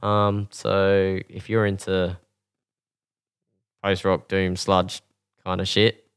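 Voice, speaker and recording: A man's voice: low-pitched, monotone, slow pace, smooth. A man co-hosting a podcast in casual chat, laid-back and given to dry, short remarks. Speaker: podcast co-host.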